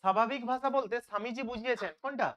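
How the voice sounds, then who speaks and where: Tutor, online revision lesson, smooth clear voice, asks and then answers. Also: mid-range voice, racing, fairly bright tone. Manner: asks questions and answers them himself, checks with "তাই তো?". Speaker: teacher. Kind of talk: online live class, question-and-answer revision.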